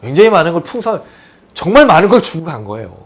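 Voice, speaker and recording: In an animated sermon, a male pastor talks at a quick pace in a high voice that ranges widely in pitch. He keeps putting rhetorical questions to the congregation.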